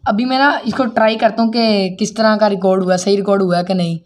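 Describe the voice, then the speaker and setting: A man's voice: high voice, steady tone, fast. Chatty young-sounding man testing mics. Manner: chatty, talks straight to viewers, many fillers. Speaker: vlogger. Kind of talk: casual unboxing and mic-test vlog.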